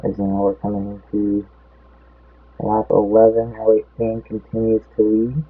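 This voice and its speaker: Casually commenting on a race, a young man speaks at a moderate pace in a low, husky monotone. The audio is tinny and phone-like; he rambles, loses track of his count mid-sentence, and his voice sounds slightly off.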